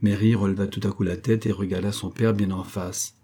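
A man reading a classic novel aloud as audiobook narration, in a measured storytelling manner. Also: deep voice, level tone, warm tone, slightly rough. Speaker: audiobook reader.

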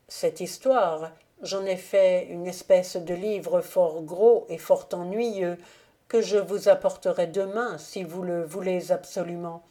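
A woman reading a classic novel aloud as an audiobook narrator, calm and measured. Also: on the low side. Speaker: audiobook reader.

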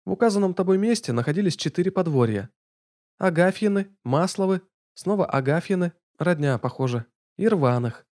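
A man putting on a sharp-tongued mocking young woman. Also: high-pitched, expressive, normal speed, pitched above the performer's own voice. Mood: businesslike.

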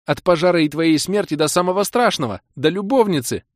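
A man's voice: high voice, expressive, dry recording, studio quality, voice pushed up. A man reading an audiobook voices a hot-tempered young woman who scolds her boyfriend, then teases him. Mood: indignant. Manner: indignant, scolding, quick to forgive. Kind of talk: audiobook character voice.

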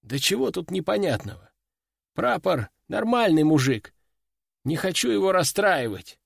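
A man voicing a gloomy young male soldier who talks in a flat, mournful way. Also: high voice, a little slow, vocal fry, no room sound, studio quality, exaggerated voice. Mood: glum. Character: gloomy young male recruit, deadpan and sincere.

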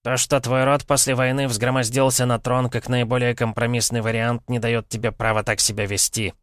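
A fretful, whining grapevine spirit, as a man puts him on, his voice pushed up high and sounding aggrieved. He grumbles and protests in an audiobook with dry, close sound. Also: flat delivery, fairly quick, a bit bright, no room sound, lightly acted. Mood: indignant. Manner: complaining, exasperated.

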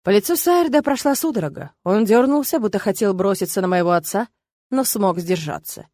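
A woman reading a first-person novel aloud in a lively, expressive way. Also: mid-range voice, fairly quick, dry recording, studio quality. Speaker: audiobook narrator. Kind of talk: first-person audiobook narration.

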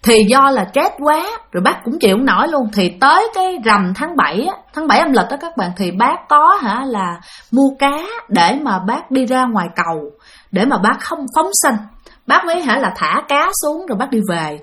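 A woman's voice: on the high side, fairly bright tone. A woman with a Southern Vietnamese accent narrating ghost stories for her channel, chatty and often addressing her listeners. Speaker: ghost story channel host. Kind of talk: spoken ghost story narration.

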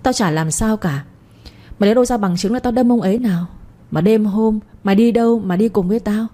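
A woman's voice: mid-range voice, mellow, close to an everyday voice. A woman voicing a sly, spiteful young village thief who taunts his accuser. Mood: defiant. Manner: taunting, fast and scornful.

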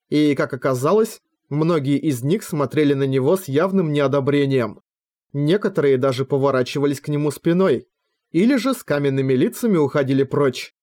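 A man narrating a fantasy novel as an audiobook in a measured storytelling manner, lightly voicing the dialogue. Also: fairly high pitch, warm tone.

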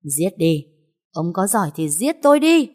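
A woman voicing a distraught, hot-tempered middle-aged mother who wails and shouts back, in a storybook reading. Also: lowish voice, lively intonation, normal speed. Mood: defiant. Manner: wailing and defiant.

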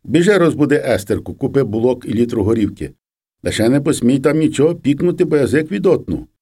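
A man voicing a stern middle-aged village mother who gives sharp, commanding orders in a storybook reading. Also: medium pitch, lively intonation, quick pace, husky, voice pushed up. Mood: scolding.

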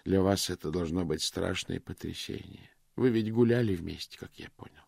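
A shaken vicar speaks low and hushed with grave solemnity, as a man reading a storybook plays him. The voice is gravelly and deep, recorded dry and close. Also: moderate pace, no echo, full character voice.

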